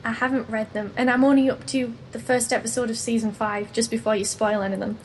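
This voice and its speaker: A young woman who is an ASMR artist chats cheerfully as a podcast guest in a casual interview, giggling and laughing often. Her voice is on the high side, her delivery flat and fast, with slight background noise.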